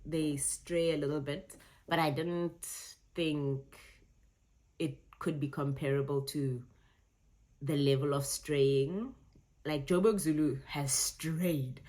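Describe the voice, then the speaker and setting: A young South African woman with a South African accent, reacting casually to tweets in a chatty, self-correcting way, often laughing. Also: sits low. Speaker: vlogger.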